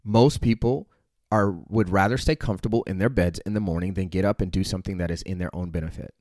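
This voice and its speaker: A man's voice: low-pitched, fast, a little mellow, no room sound, studio quality. A man giving a fired-up motivational talk about fitness, peppering it with "like" and "right?" and casual swearing. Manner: intense, swears casually, many "like" and "right?" fillers. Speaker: fitness company owner.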